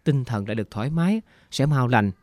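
A man's voice: mid-range voice, lively intonation, fairly quick, a little mellow, no echo, clean studio sound, natural voice. A man reading the part of a frail, homesick middle-aged woman who is ill, in a plaintive, weary way. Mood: worried.

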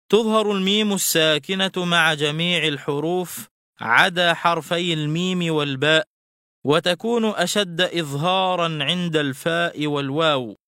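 A man teaching Quran recitation rules in a formal radio lesson, drawing out examples slowly and with measured care. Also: on the high side, pushed and bright, no echo, clean studio sound. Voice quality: smooth, clear voice.

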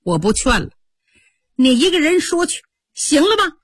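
Brief: a woman playing a patient young maid, soft and slightly husky. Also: on the high side, wildly swooping pitch, measured pace, no room sound, studio quality, full character voice. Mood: indignant. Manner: placating, reasoning. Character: patient young senior maid, soothing but stung.

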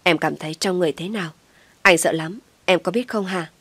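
A woman's voice: lowish voice, fairly quick, a bit bright, breathy edge, dry recording. A woman voicing an anxious young husband who speaks in an urgent, pressing way. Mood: worried.

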